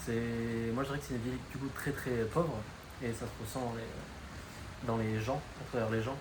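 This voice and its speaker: Guy chatting on a podcast, lots of ums, mid-pitched voice. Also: flat delivery, moderate pace. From Marseille, France. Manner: hesitant, many fillers. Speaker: podcast guest. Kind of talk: casual chat. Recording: noisy background.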